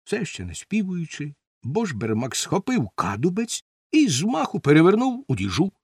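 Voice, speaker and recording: A man's voice: on the high side, huge pitch swings, normal speed, a little mellow, husky, dry recording, clean studio sound. A man narrating a fairy tale for children, playfully addressing the young listeners. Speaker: storyteller.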